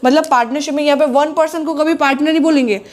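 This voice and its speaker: A woman a high voice works through a commerce lesson. She mixes in as she explains, and she keeps posing questions that she answers herself. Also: fairly even intonation, rapid-fire. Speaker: commerce teacher. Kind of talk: classroom lecture.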